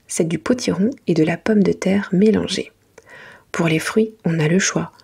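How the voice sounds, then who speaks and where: Breathy whispering woman reading a bedtime story. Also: on the low side, normal speed. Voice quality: breathy, mostly whispered soft voice. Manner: gentle, careful reading to children. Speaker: narrator reading a children's picture book.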